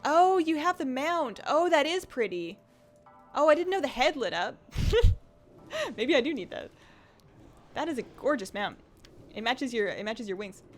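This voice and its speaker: A woman game streamer rambles casually as she plays, reading viewer comments aloud, her voice a little strained from all the talking. It's high and expressive, a touch slow with long pauses, over soft background music.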